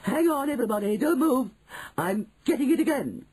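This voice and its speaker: Shrill, shrieking excitable witch. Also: slow, vocal fry, husky, exaggerated voice. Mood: urgent. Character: excitable shrieking tall witch sniffing out a stench.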